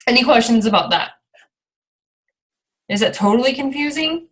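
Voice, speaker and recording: Speaking at a normal speed, a woman with an animated, somewhat high voice hosts a laid-back training call to motivate her team. As leader and coach, she rambles slightly and keeps touching base with her listeners to lift them up.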